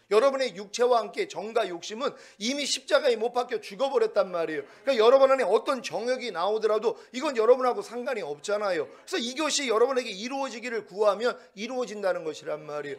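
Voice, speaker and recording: A male pastor preaching a sermon with emphatic rhetorical questions and frequent repetition. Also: high-pitched.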